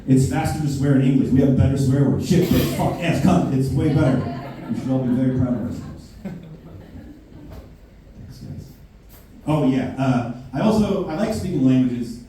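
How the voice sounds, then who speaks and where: Profane, ranting male stand-up with a dark, mellow voice, picked up from afar in a boomy basement. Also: normal speed. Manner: profane, brash, ranting delivery. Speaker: stand-up comedian. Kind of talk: stand-up comedy set. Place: basement club room with a live audience. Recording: very echoey basement, mic far off, faint hiss.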